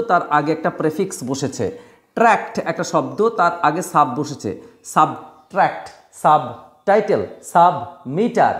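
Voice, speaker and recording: Man teaching pronunciation in an echoey room. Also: high voice. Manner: drills words slowly, repeating them; addresses students directly and often. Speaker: English teacher. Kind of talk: classroom-style pronunciation lesson.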